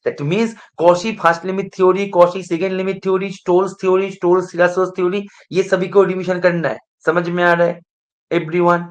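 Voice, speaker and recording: A man leads a live online math revision class, asking the class over and over whether they follow. His voice sits a little high for a man, and he mixes English technical terms into his explanations. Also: little pitch movement, moderate pace. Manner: keeps checking students understand, asks the class repeatedly. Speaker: math teacher.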